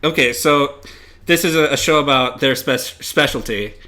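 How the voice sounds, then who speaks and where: A man's voice: mid-range voice, normal speed, sharp tone. A man co-hosting a comedy podcast, questioning plans skeptically with lots of hesitant restarts. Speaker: podcast co-host. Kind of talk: casual comedic chat.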